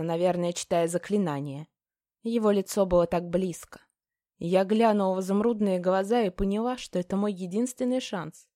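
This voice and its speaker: A woman's voice: medium pitch, mellow, no echo, clean studio sound. Woman reading a novel in first person. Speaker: audiobook narrator.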